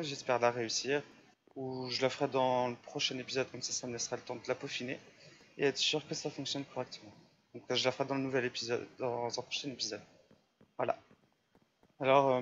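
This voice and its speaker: A man's voice: mid-range voice, fairly bright tone, highs cut off, slight background noise. Chatty man narrating his gameplay. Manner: chatty, explains step by step with many fillers. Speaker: Minecraft server YouTuber. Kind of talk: casual gameplay commentary.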